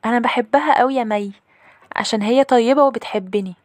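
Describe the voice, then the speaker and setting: A woman's voice: a little high, fast, dry recording, pitched above the performer's own voice, lightly acted. A woman voicing a clingy, defiant little girl with an Egyptian accent. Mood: childlike pleading.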